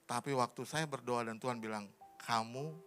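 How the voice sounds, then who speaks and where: Impassioned preaching man over soft music. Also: unhurried. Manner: mixes English phrases into preaching; rises to a high impassioned pitch. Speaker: pastor. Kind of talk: sermon and prayer. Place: church.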